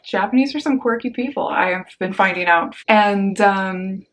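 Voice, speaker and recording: A young woman casually chatting about a book haul on her vlog, slangy and upbeat, with quick asides. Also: mid-range voice, a little hiss or hum. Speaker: book vlogger.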